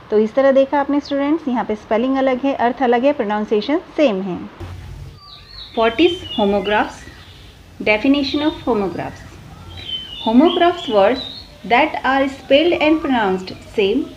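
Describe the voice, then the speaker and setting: A woman teacher gives a grammar lesson. She reads English definitions out slowly and carefully, then explains each one. Her voice sits fairly high, and the recording is a dull, lo-fi voice-over with a faint hiss behind it. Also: a little mellow.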